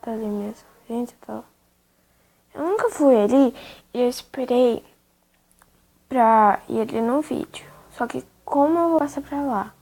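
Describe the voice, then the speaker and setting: A young woman gaming on YouTube chats casually with viewers in a slightly high, a little mellow voice at a measured pace with long pauses. She also coos at a dog in the game, lapsing into baby talk with it.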